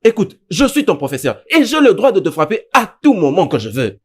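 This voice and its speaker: A man's voice: high voice, huge pitch swings, a little fast, husky, full character voice. A strict, impatient dance teacher, scolding his clumsy pupil. His voice swings widely up and down as he berates. Everything is delivered in the style of a dubbed film. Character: strict short-tempered male dance teacher.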